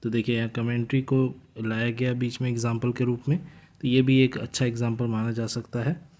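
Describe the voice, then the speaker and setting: A young man talks through study notes for an exam, explaining each point in an easygoing classroom manner. His voice sits in the middle of the range, and he slows down noticeably whenever he reads a line of English aloud before putting it in his own words. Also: medium pitch, little pitch movement, a little mellow. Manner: reads English lines slowly, explains conversationally. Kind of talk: casual lecture mixing Hindi with read-out English.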